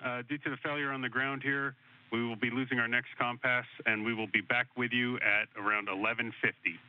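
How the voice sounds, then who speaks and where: Mission control guy on the space radio loop, talks fast and matter-of-fact, tinny narrow sound. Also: mid-range voice, little pitch movement. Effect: space-to-ground radio link. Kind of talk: procedural radio instructions. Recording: narrow phone-like radio line.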